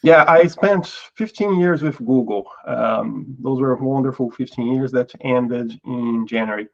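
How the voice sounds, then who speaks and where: A middle-aged Brazilian man with a Portuguese accent speaks as a guest in a casual interview, with a medium-pitched, creaky voice at a slightly slow pace. He talks thoughtfully and often repeats words as he restarts a phrase. The recording sounds muffled.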